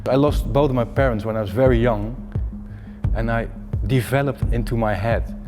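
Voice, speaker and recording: A man's voice: medium pitch, fairly even intonation, moderate pace, over music. Candid forties male participant in a reverberant space. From Netherlands. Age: 40s.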